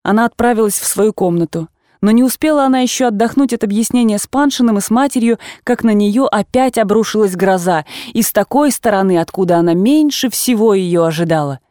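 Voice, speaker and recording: A woman reading a classic novel as an audiobook narrator, in a measured, expressive way. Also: mid-range voice, no room sound, studio quality.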